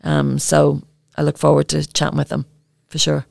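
A woman with an Irish accent co-hosting a podcast, talking earnestly and haltingly with many filler ums. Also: sits low, monotone, creaky, a little mellow, no room sound, studio quality. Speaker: podcast co-host. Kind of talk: casual podcast chat.

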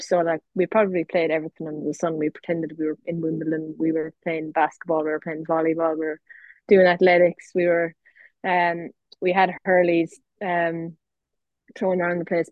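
Woman, west of Ireland accent, interview guest. Fairly flat delivery, hesitant and self-correcting, close dry sound. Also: sits low, dry recording. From County Clare, west of Ireland. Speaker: guest, Gaelic footballer and athlete. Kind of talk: casual interview chat. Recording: dull lo-fi audio with little room.

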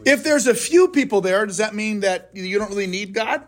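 A man's voice: sits high, lively intonation, moderate pace. A man, a pastor, leading a casual Bible study and firing questions at his group in a conversational way. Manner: conversational, asks and answers his own questions. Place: church classroom.

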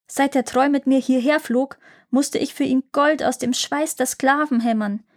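A woman's voice: high-pitched, fairly even intonation, moderate pace, voice pushed up. A woman reading a fairy tale aloud and voicing a desperate young man trapped in a rock who urges his sister to flee. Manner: urgent, pleading.

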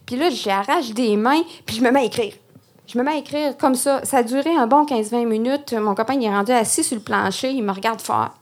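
A woman's voice: on the high side, brisk. A woman with a Quebec French accent telling a personal story to a live audience, emotional and full of restarts. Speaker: guest speaker, poet.

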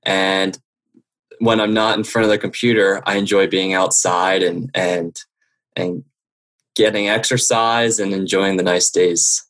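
A man guesting on a podcast, low-key, trailing off between thoughts. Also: fairly even intonation, a little slow, fairly bright tone. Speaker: guest, tech lead. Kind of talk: casual interview.

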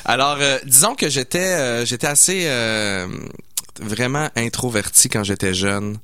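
Speaking unhurriedly at a medium pitch, this fortysomething man from Quebec City sounds bright, forceful and smooth. He's a guest mixologist with a Québécois French accent, enthusiastically chatting in a casual radio interview with plenty of hesitant fillers, captured on a studio mic with no room sound.

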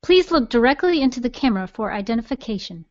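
A woman's voice: a little high, big pitch swings, quick pace, a little mellow, muffled recording. A woman voicing a snarky female smartphone assistant with a nasal voice and plenty of attitude, in an audio drama. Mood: sassy.

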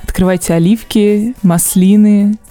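A young woman in her twenties co-hosts a relaxed podcast. She talks in a casual, playful way with a touch of irony. Faint music sits in the background. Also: medium pitch, measured pace. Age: 20s. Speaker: podcast co-host.

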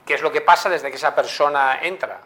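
A man's voice: on the high side, fast talker, pushed and bright. Eager man hosting an interview. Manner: eager, leading the guest with prompts. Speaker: TV interview host.

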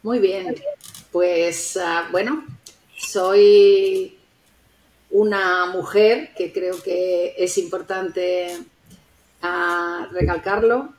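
A woman speaks slowly and reflectively as a podcast guest, her voice sitting a little low. She pauses often to think. The room around her has a noticeable echo. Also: fairly even intonation, a little mellow. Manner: unhurried, thoughtful, with many pauses and fillers. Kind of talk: reflective interview talk.

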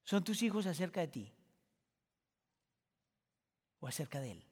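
A pastor with a high voice delivers a sermon in a church sanctuary. He moves from hushed, reflective passages to impassioned, shouted climaxes. His voice carries a long reverb through the hall. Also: very animated, a little slow, slightly rough.

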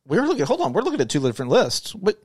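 A man's voice: sits high, wildly swooping pitch, very fast, a little mellow, breathy edge, dry recording, studio quality. A man co-hosting a podcast in natural, unscripted talk, joking and speaking straight to the listeners. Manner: jokey, addresses listeners directly. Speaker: podcast co-host.

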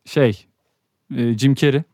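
A young man co-hosting a podcast, telling stories in an animated, teasing way. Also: medium pitch, slow pace, dry recording, clean studio sound. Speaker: podcast co-host. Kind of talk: casual podcast chat.

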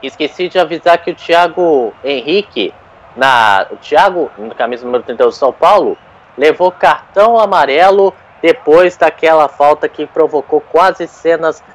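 A man's voice: on the high side, animated, normal speed, poor audio. A Brazilian man reporting live on a football match, colourful and slangy, stretching key words for emphasis.

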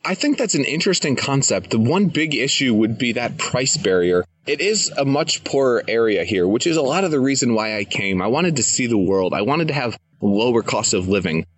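Enthusiastic young male host, husky voice. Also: mid-range voice, sing-song, a little fast, hardly any pauses, dry recording, lo-fi sound. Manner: enthusiastic, advice-giving. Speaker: podcast host. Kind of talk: casual interview. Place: living in Thailand, jungle sounds around.

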